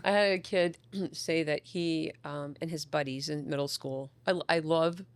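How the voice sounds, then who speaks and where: A woman child psychologist talking in a casual podcast conversation, an enthusiastic, animated storyteller who acts out the people she quotes. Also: low voice, unhurried, no room sound.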